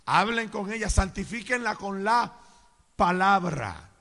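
A man preaching as a pastor, emphatic, swinging between loud bursts and low asides, calling on the congregation to answer. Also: animated, takes it slowly, vocal fry. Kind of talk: preaching sermon with call and response. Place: church hall. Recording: long church hall reverb.

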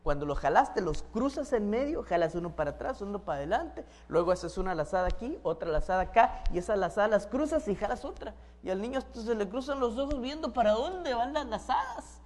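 A woman's voice: mid-range voice, lively intonation, brisk, few pauses, a little mellow. A woman preaching a sermon, asking the audience questions and acting out everyday scenes with sound effects.

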